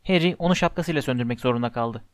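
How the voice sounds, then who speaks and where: A man narrating a storybook in an even, measured way. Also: mid-range voice, no room sound, clean studio sound. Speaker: audiobook narrator.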